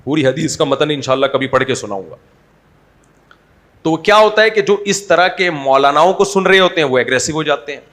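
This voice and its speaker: A man's voice: fairly high pitch, expressive, a bit bright. A man preaching an Islamic sermon in a conversational, humorous way, asking the audience rhetorical questions. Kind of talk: Urdu sermon.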